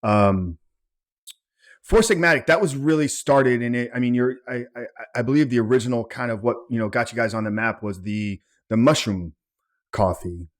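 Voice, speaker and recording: A man's voice: medium pitch, normal speed. A man hosting a podcast as a coach, asking casual questions with stammering repetitions. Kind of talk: interview questions.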